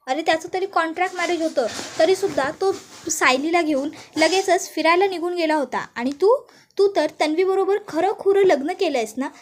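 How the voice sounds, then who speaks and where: Stern mother-in-law, read by a woman. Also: extremely high pitch. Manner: scolding, commanding.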